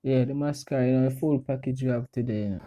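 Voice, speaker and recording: Very dark, mellow Jamaican man. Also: mid-range voice, fairly even intonation, fast, slight background noise. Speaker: friend doing a makeup voice-over. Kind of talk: casual step-by-step commentary.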